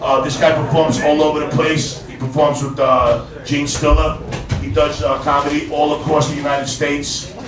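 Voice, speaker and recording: A man's voice: on the high side, flat delivery, moderate pace. A man emceeing a comedy show, introducing the headliner in a loose, hyped way with many fillers. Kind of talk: stage introduction. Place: comedy club stage. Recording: echoey club sound, distant mic. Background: crowd noise.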